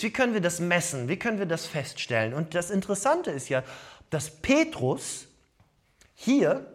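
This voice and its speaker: Man, pastor, sermon, high voice, very animated delivery, loud then hushed. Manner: lively, swinging from loud emphatic lines to hushed asides.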